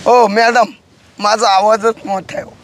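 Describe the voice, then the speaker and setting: A man playing a loud sheepish village husband. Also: high-pitched, flat delivery, unhurried. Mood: pleading. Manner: pleading, talks loudly, bargaining.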